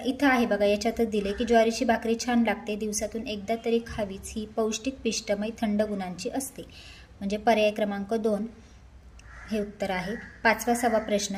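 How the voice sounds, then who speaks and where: A woman's voice: medium pitch, darkish tone. A woman teacher going through exam questions step by step, reading each one aloud and then explaining its answer patiently.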